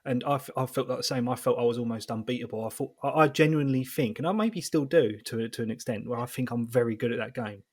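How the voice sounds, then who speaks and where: A man's voice: mid-range voice, fast talker, few pauses, husky, no echo. A man in his thirties chatting casually as a podcast co-host, laughing often. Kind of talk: casual chat.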